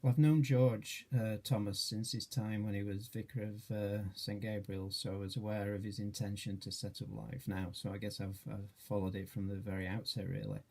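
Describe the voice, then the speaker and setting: A man in his late forties from Yorkshire speaks in a low, gravelly and somewhat husky voice. He talks in a flat, even way, hesitant and modest, with plenty of ums as he introduces himself for a charity video. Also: moderate pace, few pauses. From Yorkshire, England. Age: 40s. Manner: hesitant, many fillers, modest. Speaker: charity trustee and treasurer.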